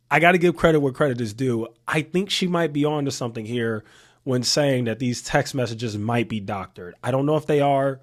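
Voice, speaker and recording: A thirty-year-old man giving casual political commentary to his viewers, emphatic and full of rhetorical questions, often repeating himself. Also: mid-range voice. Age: 30s. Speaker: commentary channel host.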